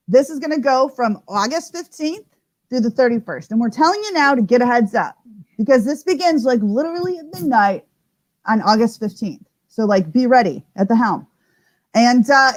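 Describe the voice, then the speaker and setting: A woman hosting a live stream and announcing a contest with lots of energy, hyping it up with slang and laughs. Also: on the high side. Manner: energetic, hype-building, laughs often; slang-heavy, says "like" a lot. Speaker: host.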